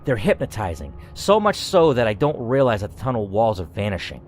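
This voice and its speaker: Soft background music accompanies a man whose voice runs low as he briskly narrates a scripted story as a gaming host. He reads in a dramatic, theatrical way, expressive and full of asides.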